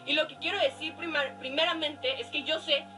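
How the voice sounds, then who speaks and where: A woman with a very high, bright voice lays out her opinions earnestly in an opinion vlog. The clip audio is distant, with faint music underneath. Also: steady tone, moderate pace. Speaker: vlogger in played clip.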